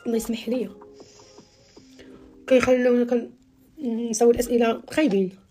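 Talking fairly quickly in a slightly high voice, a Moroccan Arabic-accented woman in her thirties livestreams to her followers from a small room, holding her phone at arm's length. She's an animated, emphatic social media personality who gestures constantly. Soft music plays underneath, and the audio is low quality.

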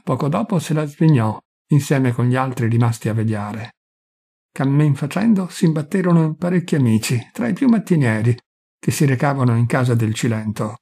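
A man narrating a classic short story as an audiobook, reading in a measured way and giving the characters' lines small shifts of voice. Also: mid-range voice, vocal fry, dark tone, husky. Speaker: reader of literary fiction.

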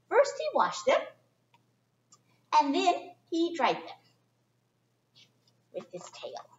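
Reading a picture book aloud to kids, a middle-aged storyteller speaks with a voice that sits high, chatty and expressive, keeping her words simple and tossing in casual asides. She's in a library's indoor children's area, heard through a distant camera mic with echoey, muffled sound.

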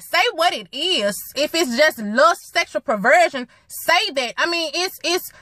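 A woman's voice: high voice, pushed and bright, no echo. A young woman preaching earnestly into a phone from a parked car, repeating her points for emphasis. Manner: earnest exhortation, repeats phrases, quotes scripture. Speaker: ministry vlogger. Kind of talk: preaching vlog. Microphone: phone at arm's length.

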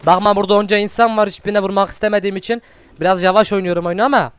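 A high-pitched man gives a let's play commentary, excitable and loose with his swearing. His voice is smooth and clear. He keeps calling to and praising the wolf at his side. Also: racing, no echo. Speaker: gaming channel host.

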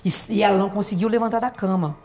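A woman guest in an interview telling personal stories, emotional and halting, often repeating phrases. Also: medium pitch, fairly even intonation, darkish tone.

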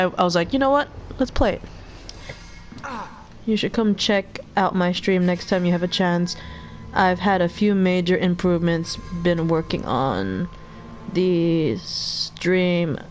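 A woman streaming a video game, rambling casually between gameplay and swearing freely. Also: lowish voice. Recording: voice over game music.

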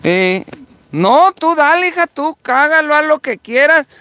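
A woman's voice: high voice, very animated, a little slow, fairly bright tone. A middle-aged woman, the mother, chatting in a supportive way and often repeating herself as she talks. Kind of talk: casual conversation.

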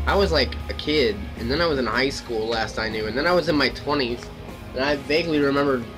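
A man's voice: on the high side, distant mic, rough recording. A man in his late thirties, talking casually to his viewers in a rambling, musing way from a small gas station kiosk, filmed on a handheld phone. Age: 30s. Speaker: vlogger. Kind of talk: casual solo vlog to camera. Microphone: phone held close at arm's length.

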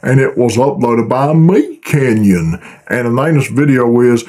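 A man's voice: mid-range voice, animated, normal speed, darkish tone. A man hosting a reaction video who comments casually and bluntly, swearing freely.

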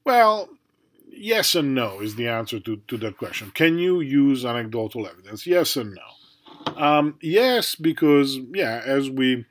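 A middle-aged man gives a recorded university lecture in a relaxed, conversational way. His pitch sits at an ordinary middle level. He checks in with the class often and talks around his points with plenty of fillers. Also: unhurried. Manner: conversational, many fillers and tag questions. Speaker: university professor.

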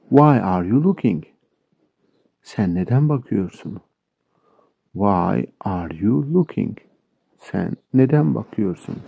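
A man teaching English sentences, explaining each one and repeating the examples slowly. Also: medium pitch, creaky, slightly rough, no echo, highs cut off. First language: Turkish. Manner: explains sentences line by line, addresses viewers as friends. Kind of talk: language lesson.

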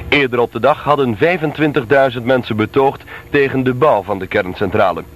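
A man's voice: mid-range voice, poor audio. A man reading a formal scripted news bulletin on the radio. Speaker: radio newsreader.

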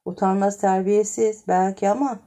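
A woman's voice: medium pitch, steady tone, moderate pace, warm tone, natural voice. A woman voicing a bitter, sulking middle-aged husband who answers curtly and wearily in an audiobook story. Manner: weary, curt, resentful.

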